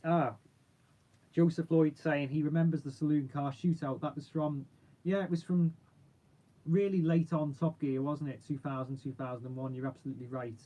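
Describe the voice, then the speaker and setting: Casting: male car-channel host, twenties, lightish pitch, soft-edged tone, informal rambling Q&A chat. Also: steady tone, moderate pace, poor audio. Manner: chatty, informal, matey, rambling. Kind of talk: casual livestream chat, answering viewer questions.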